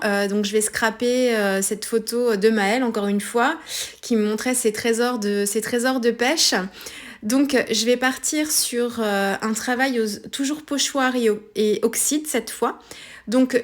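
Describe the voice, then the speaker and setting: French woman doing a scrapbooking tutorial, slightly high voice, lots of euh and restarts. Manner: hesitant, many fillers and self-corrections. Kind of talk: casual craft tutorial voice-over.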